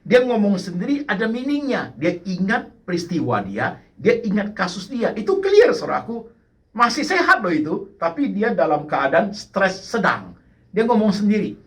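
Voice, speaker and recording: A man's voice: high-pitched, sing-song, normal speed, fairly bright tone. A man preaching a sermon, repeating phrases and calling out to the congregation, sliding now and then into English words. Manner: mixes English words into his speech. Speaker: pastor.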